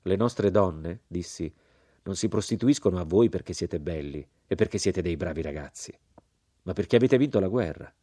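Low-voiced man reading a novel aloud. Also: animated, normal speed, dark tone, dry recording, clean studio sound. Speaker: audiobook reader. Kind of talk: literary reading.

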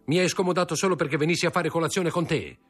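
Man reading as a brisk, disdainful young schemer; husky, quick. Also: mid-range voice, big pitch swings, faint music behind, pitched above the performer's own voice. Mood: curt.

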